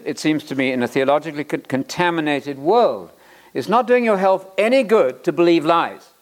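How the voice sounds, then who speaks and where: A man preaches in an animated, emphatic way. His voice sits a bit high and swings widely in pitch. He leans on repeated words and slips in joking asides. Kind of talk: lively preaching lecture.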